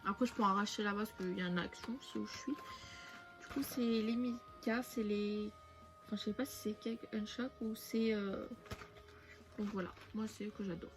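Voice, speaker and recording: With music behind her, a young French woman runs through a shopping haul in a chatty, rambling way, full of restarts and fillers. The beauty vlogger's medium-pitched voice stays steady at a normal speed.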